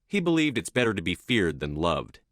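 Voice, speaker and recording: Video game military commander: low male voice, steadfast, clipped and formal, dry close sound. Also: very animated, brisk, fairly bright tone, no room sound. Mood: assured. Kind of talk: video game dialogue lines.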